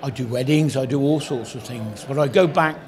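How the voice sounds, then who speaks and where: Older male town crier from the Cotswolds, medium pitch, relaxed interview chat rather than crying. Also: fairly quick. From Cotswolds, England. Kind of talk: casual outdoor interview.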